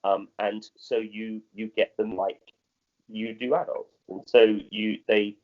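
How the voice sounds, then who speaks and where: A middle-aged man with a modern British accent answers interview questions conversationally as a theatre director, haltingly, often repeating and rephrasing himself. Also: on the low side, level tone, highs cut off.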